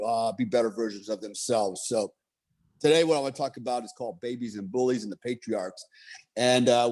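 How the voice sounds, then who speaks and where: A man's voice: medium pitch, a little mellow. A man in his fifties who grew up in Germany, telling his life story as a motivational speaker in a rambling way, with many fillers and rhetorical asides. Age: 50s. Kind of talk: personal storytelling monologue.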